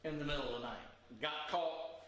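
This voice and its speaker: A man's voice: fairly high pitch, moderate pace, a bit bright. A man co-hosting a show, chatting casually in a laid-back way. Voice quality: gravelly. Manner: laid-back, short agreeing replies. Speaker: co-host. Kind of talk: casual chat. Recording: echoey room with faint noise.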